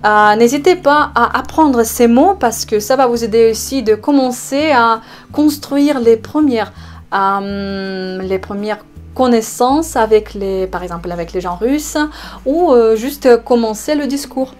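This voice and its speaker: Russian-accented woman teaching slowly. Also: a little high, a little mellow, faint music behind. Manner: slow, explanatory, frequent hesitations and repeated examples. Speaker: language teacher. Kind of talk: online language lesson.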